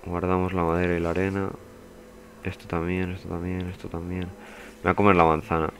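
A man's voice: deep voice, completely flat delivery, a little fast, a little hiss or hum. A young man giving casual, swearing let's play commentary as a gaming youtuber. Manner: swearing, chatty, bursts into panicked yelling.

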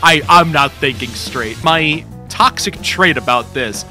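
A man in his thirties with a Long Island accent, bantering casually through a game in an excitable, dramatic, sweary way, close to the microphone. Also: a little high, unhurried, soft background music. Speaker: gaming challenge player. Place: small indoor room with a drum kit. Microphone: close boom-arm microphone.

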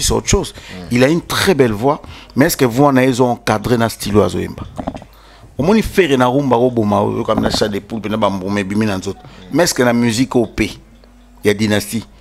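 Guy chatting about music, lively, switches languages a lot, mid-pitched voice. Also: a little hiss or hum. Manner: mixes French and Lingala, animated, repeats words. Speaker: guest commenting on music news. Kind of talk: casual interview talk.

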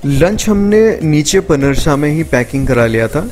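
Relaxed young man narrating a trek vlog. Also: fairly high pitch, measured pace, over music. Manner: relaxed, explanatory, frequent hesitation fillers. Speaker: travel vlogger. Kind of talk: casual travel vlog narration.

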